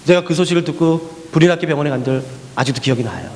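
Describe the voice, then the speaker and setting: A man's voice: a little high, rapid-fire, long reverb tail. A male missionary preacher giving a sermon, telling stories with repeated refrains and questions put to the congregation. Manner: animated storytelling with repeated refrains and rhetorical questions. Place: church hall.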